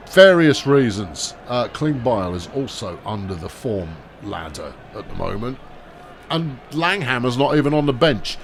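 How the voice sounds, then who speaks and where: A man gives dry, sarcastic commentary on a football management game. His voice has a gravelly edge and swings widely in pitch. A faint noise sits in the background. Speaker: gaming commentator. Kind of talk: casual gameplay commentary.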